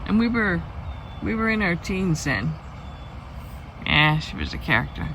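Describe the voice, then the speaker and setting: A woman's voice: on the low side, sing-song, a little slow, fairly bright tone, slight background noise. An older woman chatting and narrating her camping trip at an outdoor campsite, telling stories as she goes. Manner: chatty, storytelling. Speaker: camping vlog host. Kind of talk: casual chat and narration.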